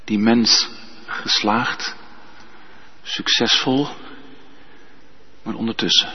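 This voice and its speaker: A man preaching a sermon as pastor, slow and emphatic, often ending points with a tag question. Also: fairly low pitch, fairly even intonation, husky. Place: church. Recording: dull sound with long church reverb.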